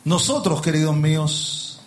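A man's voice: fairly high pitch, animated, unhurried, slight background noise. A male pastor preaching a sermon in a church, reading scripture and asking the congregation rhetorical questions. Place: church with pews.

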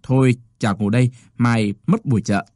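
A man's voice: mid-range voice, steady tone, moderate pace, darkish tone, dry recording, clean studio sound, natural voice. A man voicing an old village midwife who talks in a curt, scolding way. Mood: matter-of-fact.

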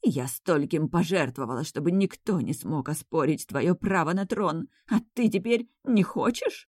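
A woman's voice: lively intonation, normal speed, darkish tone, husky, no echo, studio quality. A woman reading an audiobook, voicing a hysterical, scornful deposed queen who shrieks and snaps. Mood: frantic. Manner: shrill, screaming, scornful. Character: hysterical deposed queen, middle-aged mother, cruel and unhinged. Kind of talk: audiobook character voice.

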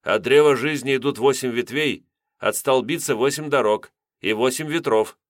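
A man's voice: normal speed, no room sound, clean studio sound, lightly acted. A man voicing a pale, bookish young male student who mumbles pedantically. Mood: pedantic. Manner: mumbling, then shrill cries.

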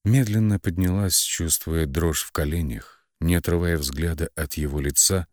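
A man's voice: sits low, normal speed, dry recording, clean studio sound. A man reading a first-person audiobook with tense, emotive narration.

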